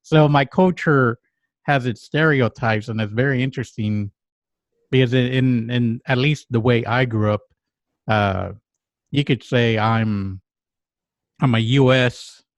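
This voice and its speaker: A man from Mexico, co-hosting a podcast, talking in a reflective, halting way with many restarts and pauses. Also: mid-range voice, dry recording. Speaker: podcast co-host. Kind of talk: reflective casual conversation.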